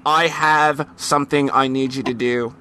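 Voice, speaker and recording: A man's voice: mid-range voice, fairly even intonation, measured pace, sharp tone, clean tone. A man hosting a casual podcast chat, rambling loosely with lots of ums and the odd swear word. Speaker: podcast host.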